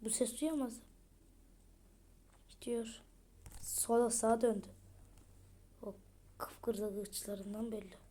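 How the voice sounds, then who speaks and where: A woman's voice: on the high side, steady tone, takes it slowly, pauses often. Chatty woman gaming streamer. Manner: chatty, muttering to herself, sudden loud outbursts. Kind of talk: let's play commentary.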